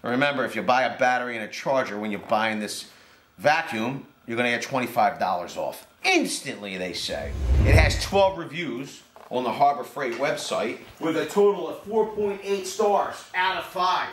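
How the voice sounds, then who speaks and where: A man's voice: mid-range voice, moderate pace, slight background noise. Chatty man reviewing tools in a workshop. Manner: lively, chatty, excited while testing tools. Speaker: tool reviewer. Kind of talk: casual product review. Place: workshop, indoors.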